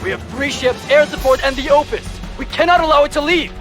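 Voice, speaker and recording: A man's voice: very high voice, brisk, a bit bright, faint music behind. A man voicing a headstrong, zealous army major in an overacted anime dub. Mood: defiant, rousing.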